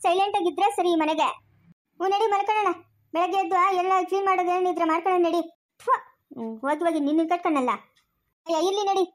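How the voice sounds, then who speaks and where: Woman, one-woman family quarrel drama, rapid and bickering. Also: very high-pitched. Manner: scolding, quarrelsome, switches between characters. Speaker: solo actor playing a whole family.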